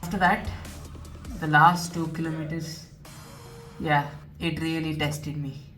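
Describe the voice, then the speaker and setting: A man's voice: on the high side, flat delivery, unhurried, fairly bright tone. A nineteen-year-old man with an Indian English accent, earnestly retelling his experience in a personal vlog. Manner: earnest, retelling, repeats himself. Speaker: vlogger. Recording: distant mic with music behind. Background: background music.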